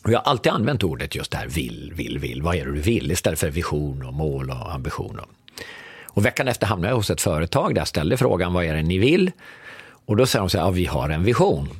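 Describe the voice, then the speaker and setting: Husky-voiced man telling an animated story. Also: low voice, dry recording. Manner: animated storyteller acting out dialogue. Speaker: podcast guest. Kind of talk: storytelling in casual conversation.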